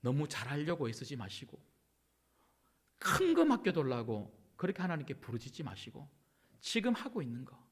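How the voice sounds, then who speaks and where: A man giving a Sunday sermon as senior pastor, pressing hard on some words and dropping to a hushed voice on others. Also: a little high, wildly swooping pitch, moderate pace, slightly rough. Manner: emphatic preaching that swings between loud stresses and soft hushed passages.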